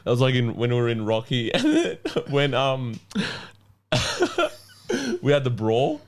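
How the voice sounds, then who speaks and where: A man co-hosting a casual podcast. His voice sits at an ordinary middle pitch. He talks in loose, rambling, joking banter. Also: wildly swooping pitch, unhurried. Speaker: podcast co-host.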